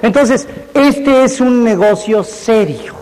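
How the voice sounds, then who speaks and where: A man's voice: very high voice, slow pace, a little mellow. A man giving a humorous business seminar, joking and speaking directly to a live audience. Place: large hall with a live audience. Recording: reverberant hall, faint noise.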